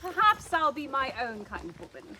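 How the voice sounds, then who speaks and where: A woman's voice: high voice, very animated, a little fast, sharp tone, full character voice. An actress playing a cheerful, spirited young noblewoman who talks in a bubbly, playful and eager way in an outdoor stage play. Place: outdoors on a farm. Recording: noisy outdoor stage recording.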